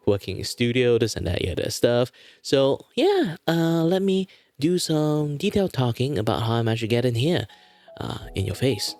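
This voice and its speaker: A man hosting as a virtual streamer, introducing himself in a casual, rambling, playful and hesitant way. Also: on the low side. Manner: hesitant, wandering, playful delivery.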